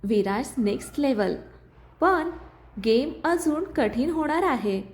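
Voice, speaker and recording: A woman's voice: sits high, expressive, slow. A woman voicing a scheming male villain who taunts the others through a speaker, in a mocking manner, for a storytelling audio. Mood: taunting.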